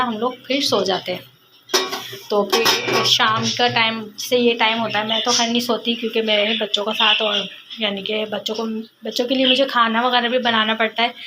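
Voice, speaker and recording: A young woman with a sore throat, chatting casually while cooking at home for her family vlog, rambling with many fillers. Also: a little high. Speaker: family vlogger. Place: home kitchen. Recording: loud background noise.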